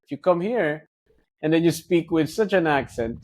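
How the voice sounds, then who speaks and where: A man's voice: on the high side, expressive, moderate pace, a little mellow. A man in his forties with a Filipino accent, a guest telling stories in casual conversation and switching between English and Tagalog. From Philippines. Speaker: guest, wealth manager.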